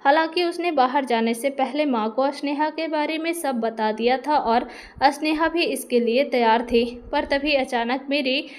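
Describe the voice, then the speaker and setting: A woman narrating a dramatic first-person family story in a steady reading voice. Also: high-pitched, measured pace.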